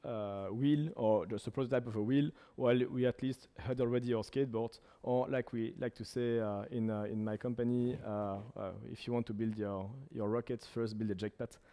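A young man presents at a tech meetup in a hall with a long echo. His voice is mellow and mid-pitched, and he stops often on fillers. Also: steady tone. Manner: halting, frequent uh fillers. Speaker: startup presenter. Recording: reverberant hall sound.

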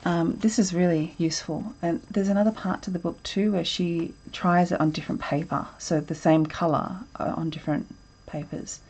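This art instructor speaks in a low, husky, slightly mellow voice with a steady tone, moderate pace, and few pauses during a casual live draw-along at home. She rambles chattily, interrupting herself with ums, and the recording is rough.

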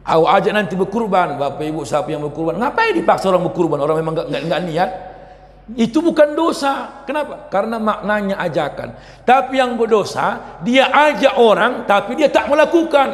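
Loud high-voiced preacher. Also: male voice, expressive, a little fast. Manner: loud, forceful, swings between shouting and quiet asides; teasing, asks the audience questions directly. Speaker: Islamic preacher. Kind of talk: lively sermon to a congregation. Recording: echoey hall reverb.

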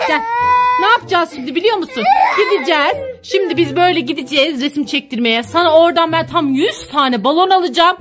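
A woman's voice: very high voice, expressive, fast talker. A young mother scolding one daughter and soothing the other in a family vlog. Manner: scolding and pleading, switching to soothing. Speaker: mother filming her daughters.

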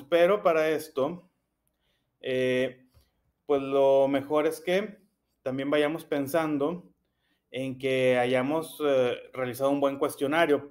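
A man teaching a primary school lesson, patiently explaining and repeating key points with frequent checks. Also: mid-range voice.

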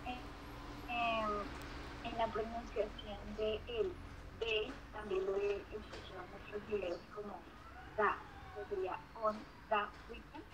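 A woman's voice: mid-range voice, little pitch movement, a little slow, background noise. A woman student asking a hesitant question during an online English class.

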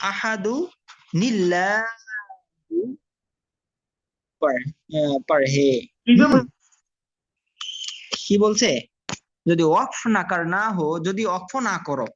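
A woman teaching a religious recitation lesson, drawing the recited verses out slowly between quicker explanations. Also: fairly low pitch. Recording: dry, dull lo-fi audio.

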